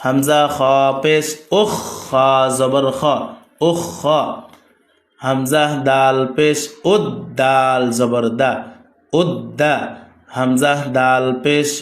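A man with a Bangladeshi Bengali accent teaching Quran reading, spelling out Arabic letters with their vowel marks in slow, repetitive drills. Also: medium pitch, little pitch movement. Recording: echoey room.

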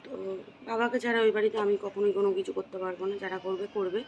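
A woman with a hoarse voice, chatting tiredly through a casual home vlog. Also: steady tone, fast, a little mellow. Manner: tired, low-energy chatter. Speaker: vlogger. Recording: noisy home recording.

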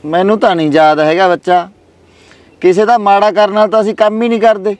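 A sly, fraudulent village holy man, played by a man in a homespun family drama, speaking with a Malwai Punjabi accent. His voice sits fairly high, and he smooths things over in a placating tone. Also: steady tone, fairly quick, darkish tone, lo-fi sound, lightly acted. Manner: soothing, placating, calls others child.

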